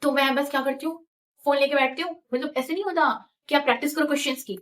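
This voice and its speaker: A young woman in her twenties casually telling her own story, chatty and animated, slipping English phrases into her talk. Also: high voice, fast. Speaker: vlogger.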